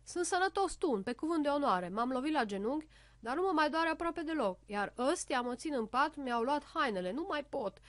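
A restless little storybook boy stuck in a hospital bed, grumbling and pleading in a high voice, as a woman reads his part. The sound is close and dry. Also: lively intonation, fairly bright tone, dry recording.

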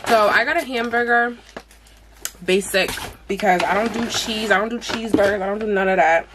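A woman's voice: mid-range voice, a little fast, heavy background noise. A young woman chatting casually while she eats on camera for a mukbang vlog, blunt and full of slang. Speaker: mukbang vlogger. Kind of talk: casual chat while eating. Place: at home.

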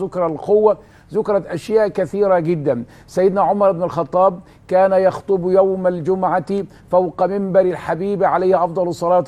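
A man's voice: high-pitched, darkish tone. A man with an Egyptian Arabic accent, a religious scholar telling stories on a TV studio talk show, asking rhetorical questions and answering them himself with fervour. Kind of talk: televised religious storytelling talk.

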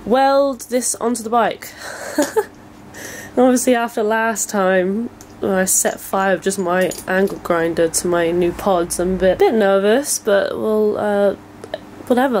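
A woman's voice: on the low side, a little mellow, slight background noise, poor audio. A young woman, vlogging casually while building a motorcycle in a cluttered shed, blunt and sweary, talking to herself as she works.

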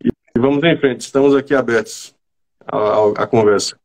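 A writer from Bahia, Brazil, appears as a guest in a casual video-call interview from home, speaking haltingly while he gets over a cold. He repeats words as he searches for them. His voice is mid-range with a darkish tone, and the recording is rough.

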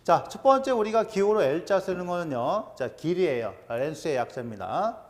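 A middle-aged man teaching an exam-prep lecture, drilling terms and quizzing his students with quick questions. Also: high-pitched. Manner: animated, drills terms with "자" and quiz-style questions. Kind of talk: classroom lecture.

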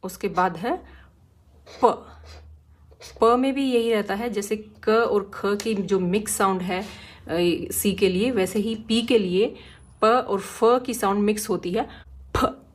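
Slow, patient woman teaching phonics. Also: mid-range voice. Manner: patient, demonstrates each sound repeatedly. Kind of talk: slow, careful phonics lesson.

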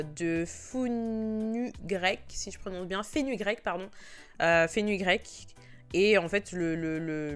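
A woman, chatting casually about hair products, often stumbling over words and restarting. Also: mid-range voice. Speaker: beauty vlogger.

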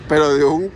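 The clip is a casual on-location vlog: a young man with a Mexican accent walks along a border wall by the sea, chatting to viewers with slang and jokes. His voice is a little high. Wind and surf dominate the low-quality outdoor audio, with waves crashing.

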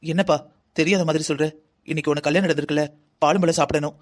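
Cartoon mom calmly telling her son it's fate, voiced by an actor, quick talker. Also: sits low. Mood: firm. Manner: soothing, insistent. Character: calm middle-aged mother, firm and fatalistic. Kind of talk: cartoon drama dialogue.

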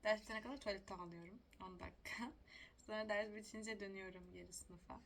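A young woman tells a story to the camera in a chatty, self-mocking way and laughs easily. Her voice sits at an ordinary pitch, and a faint hiss of background noise stays under it. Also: fairly even intonation, brisk, a bit bright. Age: young adult. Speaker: vlogger.

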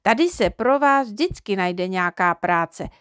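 A woman's voice: mid-range voice, lively intonation, fairly bright tone, smooth, no echo, studio quality, close to an everyday voice. Woman voicing a sweet, fussy little girl.

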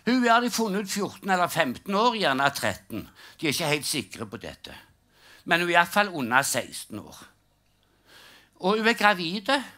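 Pushed and bright, the voice sits high as an older stand-up comic works a live comedy stage. His humor comes as dry storytelling, with punchlines acted out.

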